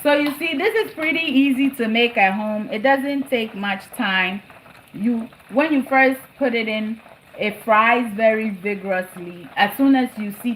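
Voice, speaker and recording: Her voice is a little high and a bit bright as she chats casually with live-stream viewers while cooking at home. She's a middle-aged host with a slight New Jersey accent, often repeating phrases for emphasis. Poor audio captures the sizzle and bubble of food frying and boiling in the kitchen.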